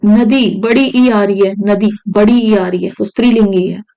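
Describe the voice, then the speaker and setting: A woman's voice: mid-range voice, normal speed, creaky, mellow, muffled recording. A woman teaching Hindi grammar for exam prep, checking in with her students as she explains. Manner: repeats "ठीक है" often, asks students questions.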